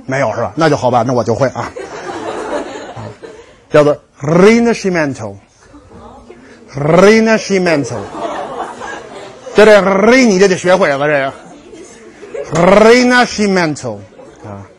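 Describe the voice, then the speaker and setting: A man's voice: mid-range voice, sing-song, quick pace, few pauses, a faint crowd. A man giving a history lecture to a class, telling stories with jokes and acting out the dialogues. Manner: storytelling, jokey, acts out dialogues.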